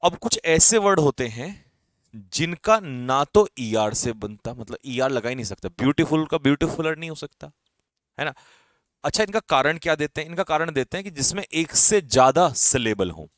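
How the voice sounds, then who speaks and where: An Indian-accented man teaching grammar for exam prep, his pitch rising and falling a lot as he talks. He asks his own questions, answers them, and drops his voice at the end of each list of examples. The sound is dry and close. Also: animated, normal speed, a bit bright, no echo. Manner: explains step by step, code-mixing, asks and answers own questions; calls students brother, drops his voice at ends of lists. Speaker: English teacher. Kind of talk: online exam-prep lesson.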